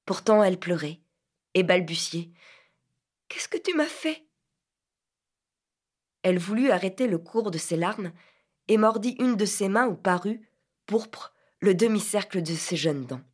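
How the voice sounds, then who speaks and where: A woman narrating a literary novel as an audiobook reader, measured and softly expressive. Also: medium pitch, slightly rough.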